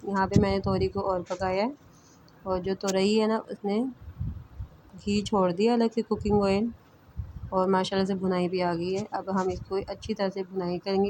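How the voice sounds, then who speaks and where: Woman, home kitchen cooking vlog, chatty step-by-step talk, quite even tone, faint room ambience. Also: mid-range voice, background noise. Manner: explains each step, often checks in with "theek hai"; addresses viewers as sisters, brothers and daughters. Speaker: home cook and channel host.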